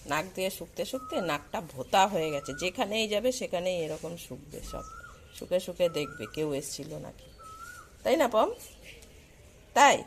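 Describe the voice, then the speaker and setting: A hoarse woman, chatting casually in a vlog and cooing high and loud to her dogs. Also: wildly swooping pitch, a little fast, a little hiss or hum. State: hoarse with a cold and sore throat. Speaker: vlogger filming her dogs. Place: at home and just outdoors in the evening.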